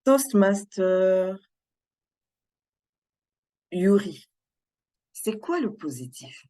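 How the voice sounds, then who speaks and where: A woman giving a prepared speech to a club, speaking in a measured, deliberate way. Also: mid-range voice, big pitch swings, mellow.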